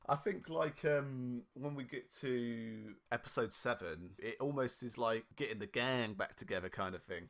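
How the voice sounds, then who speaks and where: A man's voice: mid-range voice, normal speed, few pauses, a bit bright. A man co-hosting a casual podcast, slangy and full of fillers. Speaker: podcast co-host. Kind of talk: casual chat.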